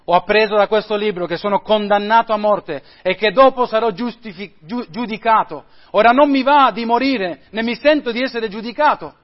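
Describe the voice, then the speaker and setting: Fearful pilgrim bowed under his burden, pleading and crying out in a high voice, read by a man; lo-fi recording. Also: moderate pace, close to an everyday voice. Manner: pleading, rising cries. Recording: dull lo-fi sound.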